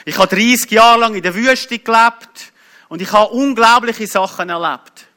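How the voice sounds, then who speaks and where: A Swiss man with a Swiss German accent telling a personal testimony, vivid and emotional, often dropping to a hushed voice. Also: high voice, normal speed. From Switzerland. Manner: emotional, vivid retelling with sudden drops to hushed tones.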